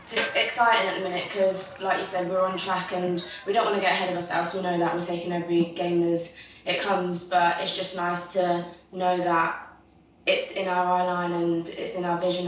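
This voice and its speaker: A woman's voice: lowish voice, flat delivery, moderate pace, a little hiss or hum. A woman footballer chatting casually and laughing easily. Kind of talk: casual vlog-style chat. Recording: echoey room.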